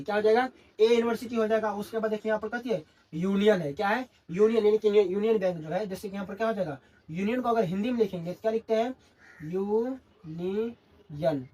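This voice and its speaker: A man's voice: sits high, darkish tone. Male tutor, call-and-response classroom delivery. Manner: constantly asks and answers his own questions. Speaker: English grammar teacher. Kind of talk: classroom lesson in Hindi.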